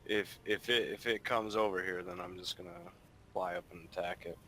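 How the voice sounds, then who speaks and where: Male tabletop player, slightly low voice, hesitant casual chat, faint background rumble. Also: a little fast, bright, forceful tone.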